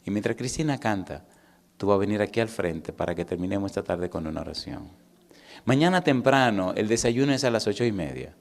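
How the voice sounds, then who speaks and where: A middle-aged man with a Caribbean Spanish accent, preaching a sermon as a pastor. He tells stories and swings from loud fervor to a hushed, intimate voice. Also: fairly low pitch, expressive, fairly quick.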